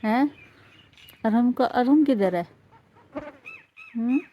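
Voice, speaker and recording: A woman's voice: fairly high pitch, highs cut off. A woman from Pakistan in a casual home vlog who talks worriedly, asks questions and repeats herself. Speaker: vlogger's wife.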